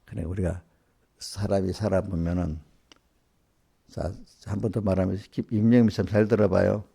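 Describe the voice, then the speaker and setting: Pastor guy scolding his flock w lots of questions, gravelly dark voice. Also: low voice, steady tone, moderate pace. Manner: scolding, asks one rhetorical question after another. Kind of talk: small-group sermon addressing congregants directly.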